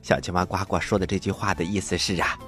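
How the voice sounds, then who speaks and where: A man hosting a children's story show, telling tales expressively and pausing to explain things to young listeners. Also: low-pitched, flat delivery, a bit bright, soft background music. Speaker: host and storyteller.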